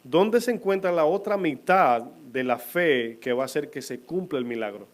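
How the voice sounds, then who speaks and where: Spanish-speaking preacher with a raised voice. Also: male voice, a little high, animated. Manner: asks the congregation questions and answers them; slows down to stress key words. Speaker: pastor. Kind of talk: sermon. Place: church.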